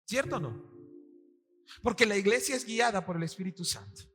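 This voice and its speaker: A male pastor with a Peruvian Spanish accent and a high voice at a moderate pace preaches to his congregation in a church hall. He is animated, acting out quotes and firing questions at the room, amid long hall reverb and faint music.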